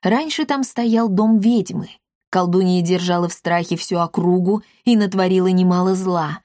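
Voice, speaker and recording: Lady doing a bossy scheming tomcat boss, low and slow, dry close sound. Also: darkish tone, no echo, natural voice. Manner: commanding, growling threats. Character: gruff male talking-cat gang leader.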